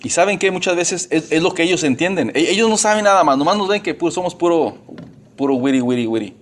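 A man's voice: high voice, fast talker. A man preaching a sermon to his congregation in a folksy, repetitive way, with restarts and an uneven pace. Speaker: pastor.

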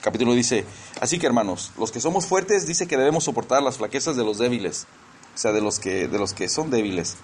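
A man's voice: mid-range voice, lively intonation, brisk, a little hiss or hum. A man preaching a conversational sermon in church, often repeating words as he searches for the next one.

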